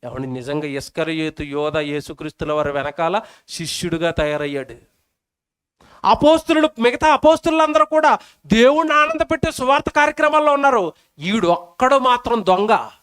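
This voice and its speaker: A man with a high-pitched voice preaches a sermon at a public meeting. He keeps asking the crowd questions and hammers points home by repeating words. He acts out the prayers and scripture he quotes. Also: expressive, moderate pace, fairly bright tone, smooth. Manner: preaches with rhetorical questions and repetition.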